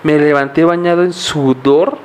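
A man's voice: on the high side, fairly even intonation, normal speed, a little mellow, a little hiss or hum. A young man with a Mexican accent, a podcast co-host telling a story in casual chat, rambling and full of slang and fillers.

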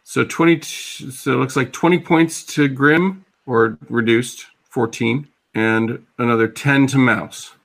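A man's voice: mid-range voice, slow pace, vocal fry, few pauses, fairly bright tone. A man running a tabletop fantasy game as game master, casual and playful with chuckling asides.

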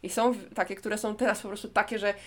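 A woman from Poland co-hosts a relaxed conversational podcast. She explains points at length in a mid-pitched, ordinary voice and turns to address the listeners now and then. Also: fast. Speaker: co-host. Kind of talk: casual podcast chat.

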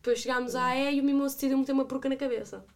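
A young woman with a European Portuguese accent who speaks in a bright, high register and moves quickly from one phrase to the next. She tells the story in a lively way, laughing as she goes. The tone is a relaxed chat among students. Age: young adult. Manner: animated, laughs often while telling a story. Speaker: student podcast guest.

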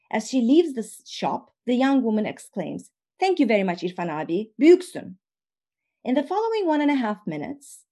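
A woman reads a prepared academic talk in a steady, analytical way. Her voice sits somewhat high but sounds soft and mellow. Now and then she restarts a word and carries on. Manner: measured, analytical reading with occasional restarts. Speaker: academic presenter. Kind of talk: reading a scripted academic talk.

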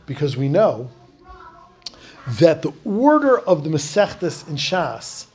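A man's voice: on the high side, sing-song, slow pace, a little mellow. A man teaching a Talmud class, emphatic, repeating key words for stress. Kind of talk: Talmud lecture.

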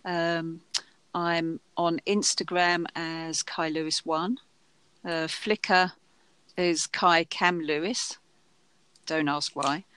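British woman, podcast guest, relaxed chat, close dry sound, quick to laugh. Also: fairly low pitch, clear, resonant tone, no echo. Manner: laughs often, easygoing. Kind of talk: casual chat.

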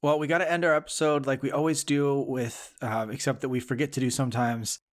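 A man co-hosting a podcast, talking casually in a rambling way with fillers and soft laughs. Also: medium pitch, fairly even intonation, a little fast. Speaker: podcast co-host. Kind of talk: casual chat.

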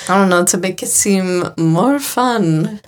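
A woman co-hosting a podcast in casual chat, jokey and quick with crude humor. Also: mid-range voice. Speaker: podcast co-host.

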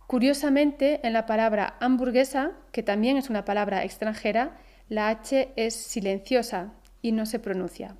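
A woman with a Spain accent, reading a scripted podcast lesson and saying each example word slowly and carefully. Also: fairly high pitch, a little mellow. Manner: slow, careful pronunciation of example words. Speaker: Spanish teacher, podcast host.

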